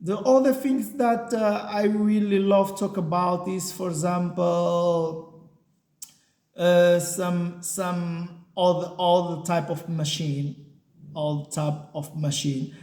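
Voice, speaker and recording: A software engineer who hosts his own channel talks slowly and haltingly in a casual talking-head vlog, recorded in an echoey room. His voice is high and darkish with fairly even intonation. A native Portuguese speaker from a Portuguese-speaking country, he speaks non-native English full of fillers and restarts.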